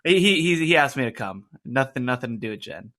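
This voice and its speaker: A man's voice: mid-range voice, animated, fairly quick, a bit bright. A man on a video call with the hosts, giving brief, hesitant answers in casual chat.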